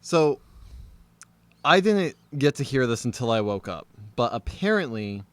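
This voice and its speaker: A man co-hosting a podcast, telling a story in casual chat with animated, laughing delivery. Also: medium pitch, unhurried, clear, resonant tone, no echo. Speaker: podcast co-host.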